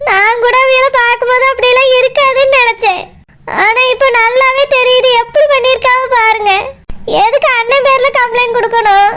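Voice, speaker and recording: A woman's voice: very high voice, steady tone, brisk, bright, forceful tone. A woman voicing a tearful young village wife with a Tirunelveli accent, pleading and sobbing. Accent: Tirunelveli Tamil.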